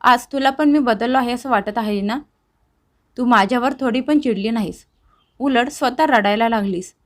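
A man's voice: very high-pitched, moderate pace, fairly bright tone. A woman narrator voicing a remorseful grown son who talks earnestly and tearfully to his family. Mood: pleading.

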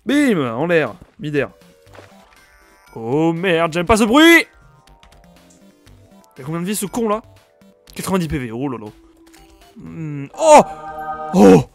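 Excitable gamer with a cold. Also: male voice, on the high side, takes it slowly, gravelly, long pauses, soft background music. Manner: excitable, swears a lot, yelps at enemies. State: has a cold. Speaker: gaming YouTuber. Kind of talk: gameplay commentary.

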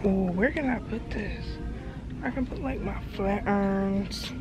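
A woman's voice: medium pitch, a little slow, lo-fi sound. A young woman in her twenties chatting to a handheld camera as she browses a large store, talking to herself about what to buy. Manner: chatty, talks to herself while shopping. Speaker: vlogger. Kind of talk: casual vlog narration. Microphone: handheld camera at arm's length. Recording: music playing in the background.

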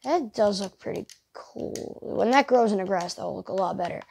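A woman's voice: mid-range voice, moderate pace, vocal fry, darkish tone, slight background noise. A tired woman hosting a casual let's-play, rambling and thinking aloud as she plays, often poking fun at herself. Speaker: gaming channel host.

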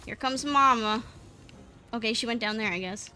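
A female streamer with a fairly high, bright, forceful voice gives playful, chatty live gameplay commentary at a moderate pace. She swears occasionally and giggles at her own jokes, with game music in the background.

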